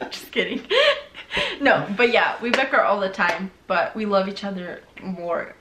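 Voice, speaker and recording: A young Ukrainian woman with a mid-range voice talks at a measured pace, chatting casually with her husband in a home vlog Q&A and laughing often. The room is echoey, with faint noise.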